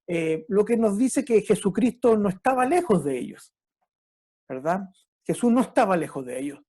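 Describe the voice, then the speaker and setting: A reflective preacher delivering a sermon at a mid-range pitch, neither high nor low. The delivery is measured and halting, with restarts, and the preacher keeps checking in with the listeners through tag questions. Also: animated, warm tone, breathy edge.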